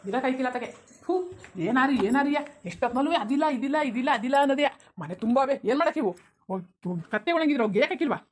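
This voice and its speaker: A woman's voice: high-pitched, a little hiss or hum, close to an everyday voice. A woman voicing a drunk, abusive middle-aged village father who snarls threats, for a cartoon. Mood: angry. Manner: snarling threats, rapid scolding.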